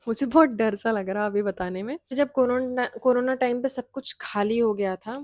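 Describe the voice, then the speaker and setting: A woman's voice: fairly high pitch, unhurried, darkish tone, no room sound, studio quality. A young woman casually telling a hostel ghost story, chatty, slipping in English phrases and laughing often.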